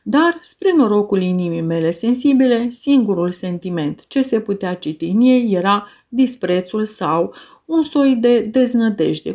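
A woman reading a classic novel aloud in a measured, expressive narration. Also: a little high. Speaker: audiobook narrator. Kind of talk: literary audiobook narration.

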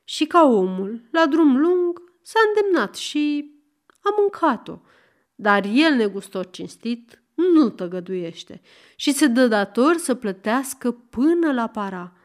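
A woman narrating a folk tale in a lively, animated reading. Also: high voice. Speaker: storyteller. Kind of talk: storytelling narration.

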